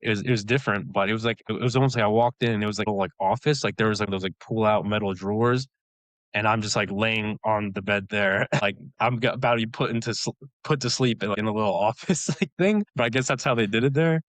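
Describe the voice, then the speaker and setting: A man with a lowish voice recounts his experiences in a relaxed, rambling way, dotting his talk with fillers and quick laughs. The sound is close and dry, with no room around it. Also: no room sound. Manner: relaxed storytelling, many "like" fillers, laughs often. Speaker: guest, elite runner. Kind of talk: casual interview chat.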